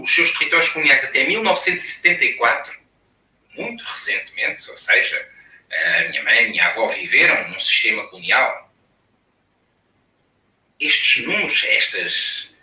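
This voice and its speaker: Bright European Portuguese man lecturing. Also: medium pitch, a little hiss or hum. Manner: measured, builds points with repeated phrases. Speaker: conference panelist. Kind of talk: academic lecture. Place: room, online conference talk. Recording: echoey room, speaker far from mic.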